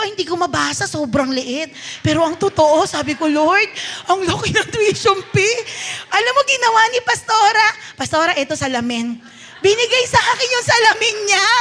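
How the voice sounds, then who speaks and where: A woman's voice: very high voice, fairly bright tone. A middle-aged Filipino woman pastor preaching a sermon, telling a personal story and acting out the dialogue in it, switching between Tagalog and English.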